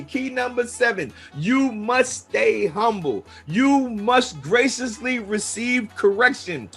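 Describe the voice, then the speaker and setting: A man's voice: very high voice, fairly bright tone, slightly rough. A man leading a peer recovery leadership training, preaching each point with emphatic repetition. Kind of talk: motivational training lesson.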